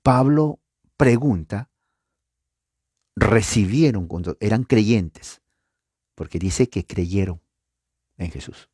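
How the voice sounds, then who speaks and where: A man preaching a Bible teaching, talking to his listeners with rhetorical questions and sudden rises in pitch for emphasis. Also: slow, long pauses, slightly rough, clean studio sound. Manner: animated, pitch jumps up for emphasis and acted-out echoes.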